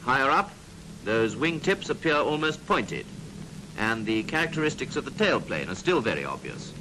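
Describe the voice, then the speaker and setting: This British man, narrating a 1940s military training film, speaks at a moderate pace in a mid-range, sing-song voice. His delivery is clipped and instructive, broken up by drily jocular asides, over a noisy soundtrack from the 1940s.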